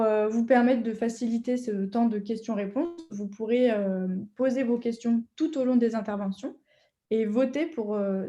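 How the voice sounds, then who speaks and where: Over dull audio, a webinar host with a fairly high, mellow voice walks through the program online, her explanation full of hesitations and fillers.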